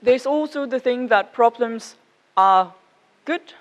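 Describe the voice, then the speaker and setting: Her voice a little high and the sound lo-fi, a Danish-accented woman from Denmark presents to a conference crowd casually and steadily, making sure her listeners are following.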